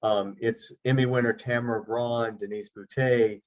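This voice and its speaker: A middle-aged actor and producer chats easily as an interview guest on a video call, cracking self-deprecating jokes. His voice is mid-range with fairly even intonation at a normal speed, and the lo-fi audio sounds slightly dull.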